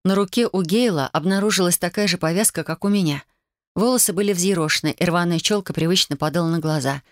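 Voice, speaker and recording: An audiobook narrator reads a first-person novel aloud in an even, measured storytelling style. Her voice is lowish, and the recording is dry and studio quality.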